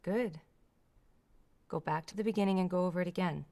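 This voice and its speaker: Lady acting patient counselor, calm and steady, talks quick. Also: fairly low pitch, lightly acted. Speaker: counselor in a demonstration session.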